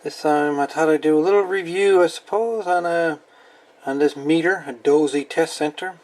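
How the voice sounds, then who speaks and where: At an indoor workbench, a man hosts a casual hands-on review and repair video, explaining things in a folksy, colloquial way. His voice is on the high side and a little mellow, with fairly even intonation at normal speed.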